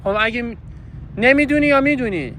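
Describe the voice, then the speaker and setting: A man's voice: very high voice, expressive, fairly bright tone. A young man doing a hidden-camera street prank outdoors in a park, with a brash, pushy, mock-scolding way of talking. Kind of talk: street prank, teasing banter. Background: background music.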